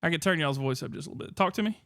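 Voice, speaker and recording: Bright high-voiced man. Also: racing. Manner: energetic, reads chat aloud. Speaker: podcast host. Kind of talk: casual livestream chat.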